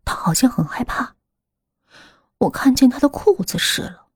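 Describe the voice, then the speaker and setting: A woman narrating a horror story in a hushed, breathy voice that often drops to a whisper, recorded close to the mic. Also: sits high, animated, normal speed, no room sound.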